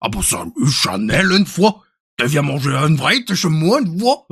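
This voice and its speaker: A man's voice: fairly high pitch, big pitch swings, a little slow, creaky, fairly bright tone, slightly rough, heavily acted. A man putting on a clumsy, jokey Belgian accent as a caricature of a cheerful Belgian man. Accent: Belgian (imitated, clumsy).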